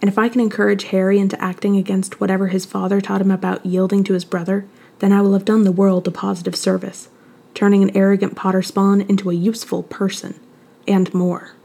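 A cold, sly schoolmaster, voiced by a woman reading aloud, speaks in a soft, purring menace. The voice stays mellow and husky, and the delivery runs flat and even. It has the feel of a quiet fan fiction audiobook reading. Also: mid-range voice, brisk. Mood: scheming.

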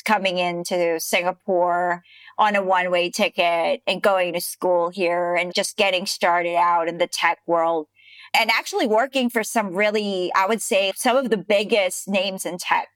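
A woman hosting a podcast interview, upbeat and quick to laugh, with frequent fillers. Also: fairly low pitch, fairly even intonation, clear, resonant tone, no room sound. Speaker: podcast host.

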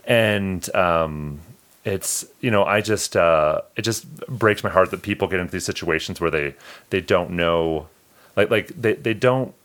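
A man's voice: low voice, a little slow, a bit bright. A man co-hosting a podcast, telling heartfelt personal stories in an earnest, emotional way. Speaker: podcast co-host. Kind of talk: casual podcast chat.

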